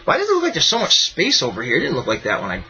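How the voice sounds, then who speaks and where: A man hosting a podcast in casual chat, excitable and rambling, swearing freely with bursts of enthusiasm. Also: fairly high pitch, racing, lo-fi sound. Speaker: podcast host.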